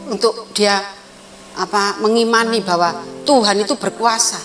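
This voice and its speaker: A woman's voice: medium pitch, fairly even intonation, moderate pace, a bit bright, soft background music, rough recording. A woman evangelist preaching at a prayer service, earnest and storytelling, sharing her own testimony. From Indonesia.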